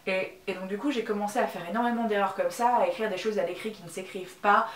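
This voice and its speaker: A woman's voice: medium pitch, steady tone, quick pace, distant mic. A French woman in her twenties chatting candidly in a casual vlog, with many fillers and restarts. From France. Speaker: YouTuber. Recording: roomy echo, voice a bit off-mic, faint background noise.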